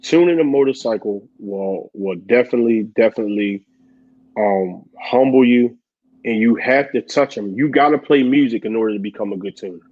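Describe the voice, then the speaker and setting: A man co-hosting a casual chat, animated, laughing often and acting out quotes. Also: fairly low pitch, normal speed. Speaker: podcast co-host. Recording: dull lo-fi audio.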